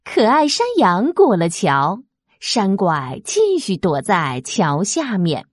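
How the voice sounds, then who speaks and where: A woman reading a children's storybook aloud, expressive and lively. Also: medium pitch, husky, dry recording, studio quality. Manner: slow, lively, expressive, sound effects.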